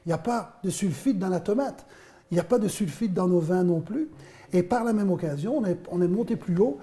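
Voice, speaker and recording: A man's voice: sits high, expressive, a little fast, dark tone. A man in his fifties, originally from Belgium, a wine producer explaining his work in an interview with frequent hesitations. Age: 50s. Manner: explanatory, storytelling with many hesitations. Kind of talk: interview answers.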